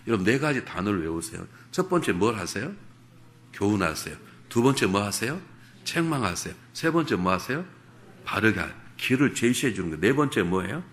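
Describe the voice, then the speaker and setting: A man's voice: lowish voice, big pitch swings, brisk, a bit bright. A man preaching a sermon in a church, leading a scripture reading, asking the congregation questions and answering them himself, and acting out everyday quoted speech. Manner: acts out quoted everyday speech to make points. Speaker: guest revival preacher. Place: church sanctuary at a dawn prayer service.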